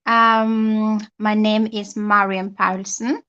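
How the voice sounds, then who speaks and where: A woman's voice: medium pitch, level tone, takes it slowly, bright, forceful tone, clear, resonant tone. Brief: woman from Tanzania, guest, chatty and plain-spoken, slightly muffled remote line. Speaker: guest, healthcare assistant. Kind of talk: casual interview.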